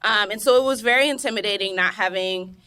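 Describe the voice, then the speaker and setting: A young woman chemist, talking in a casual interview, animated and emphatic with frequent laughs and restarts. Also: medium pitch, fast talker, smooth. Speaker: guest, cosmetic chemist.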